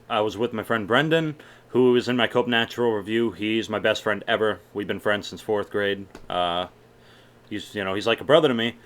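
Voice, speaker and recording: A young adult man from Massachusetts, with a medium-pitched, fairly bright voice, answers viewer questions in a casual Q&A vlog. His mild Boston accent blends with general American sounds, and he swears often.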